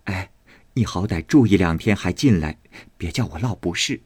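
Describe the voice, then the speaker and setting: A man voicing a gentle young widow who speaks softly and pleadingly. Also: deep voice, animated, moderate pace, husky, dry recording.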